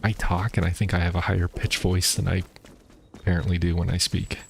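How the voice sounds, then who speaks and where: A man streaming a video game, talking in a rambling, casual way with a deep voice and explaining things between plays. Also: flat delivery, a little fast, creaky, slight background noise. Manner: rambling, explains while playing, many fillers. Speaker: gaming streamer. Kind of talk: casual gameplay chat. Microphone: streaming microphone.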